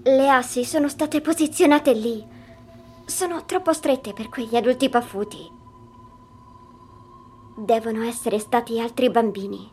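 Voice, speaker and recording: A woman voicing a calm high-voiced young girl. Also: measured pace, pauses often, slight background noise, close to an everyday voice. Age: child figure. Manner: calm, hushed storytelling. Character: young girl Nessi, calm dreamer recounting nightmares. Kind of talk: audio drama acting.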